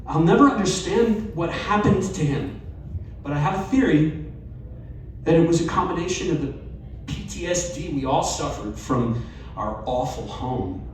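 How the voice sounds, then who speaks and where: A man with a fairly high, expressive voice reads a personal essay at a live storytelling event in a bar or venue, pacing it slowly and measuredly with wry asides. He is far from the mic and off it, in a very echoey room with faint ambience and slight background noise.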